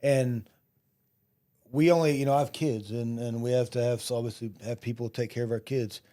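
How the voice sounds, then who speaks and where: A man's voice: medium pitch, steady tone, fairly quick, mellow. A man hosting a podcast, chatting casually and affirming his guest often. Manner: frequent affirming back-channel, rambling anecdotes. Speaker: podcast host.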